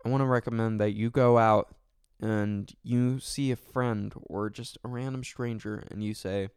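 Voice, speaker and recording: Rambling sincerely and gratefully through a casual solo episode, this man hosts his own podcast, his speech full of fillers and self-corrections. He has a lowish, clear, resonant voice, a little mellow, with fairly even intonation at normal speed. The recording is dry and of studio quality.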